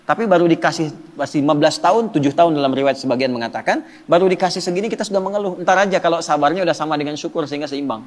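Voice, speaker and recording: A man giving a religious lecture, lively, asking the audience questions and answering them himself. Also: a little high, rapid-fire, hardly any pauses, in a large hall. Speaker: preacher.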